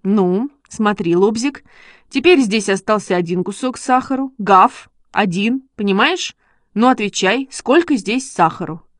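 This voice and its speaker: A woman voicing an excitable schoolboy who coaxes and exclaims while training his dog, read as a storybook. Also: mid-range voice, measured pace, no echo, clean studio sound, natural voice. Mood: eager. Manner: eager, coaxing, exclaiming. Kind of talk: storybook reading.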